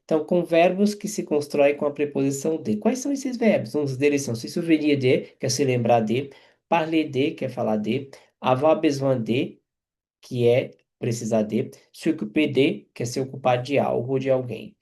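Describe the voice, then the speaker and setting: A man's voice: mid-range voice, warm tone. A man teaching French grammar, explaining each example and checking in with listeners as he goes. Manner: repeats and checks in with quick tags.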